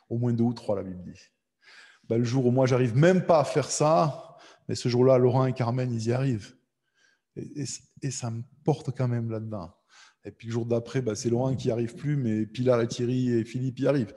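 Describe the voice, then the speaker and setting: A man's voice: medium pitch, warm tone. A man preaching an informal sermon, repeating words, acting out prayers and tagging phrases with "hein". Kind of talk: conversational sermon. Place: church hall. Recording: long reverb of a church hall.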